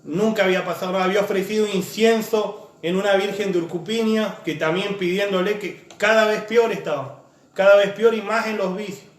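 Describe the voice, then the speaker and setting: A man's voice: sits high, a little fast, reverberant. A man preaching a sermon, earnest and full of repeated phrases and lists as he shares his own testimony.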